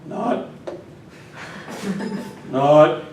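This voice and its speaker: A man speaks extremely slowly in a darkish, lo-fi voice while teaching a class, teasing the students and talking to them as he works. The lecture is captured far from the mic, from the distant end of an echoey classroom, with faint noise.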